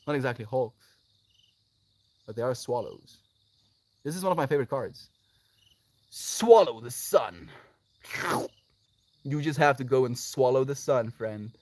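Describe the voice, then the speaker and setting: Unhurried and full of long pauses, his medium-pitched voice has a darkish tone and a dry recording. As host of a livestream, he responds to viewer comments in a relaxed, gushing way, addressing his audience affectionately as friends.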